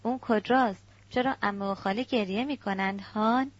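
A woman's voice: medium pitch, lightly acted. A woman voicing a frightened, innocent little girl in a storybook reading, with childlike questions. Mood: worried. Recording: dull lo-fi recording.

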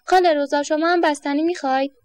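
Brief: woman doing bright storybook boy, eager and high, dry close read. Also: fairly even intonation, no room sound, lightly acted. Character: cheerful curious young boy with magic words.

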